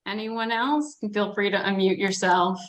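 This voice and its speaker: A woman's voice: mid-range voice, unhurried, low-quality recording. A woman informally moderating a video call in a plain, helpful way, relaying remarks.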